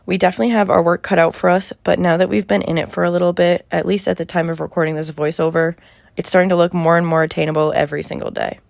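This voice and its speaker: Close to the mic with no room sound, a woman in her early twenties narrates a casual vlog voiceover in a wry, conversational way. She talks fast in a fairly low, level voice with vocal fry.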